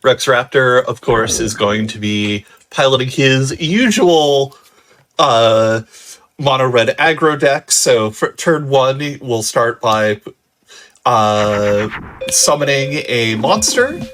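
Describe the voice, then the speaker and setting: A man commentating on a speedrun, calmly explaining the game's rules with frequent ums. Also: mid-range voice, slow. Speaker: guest commentator. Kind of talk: explaining game mechanics. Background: game music.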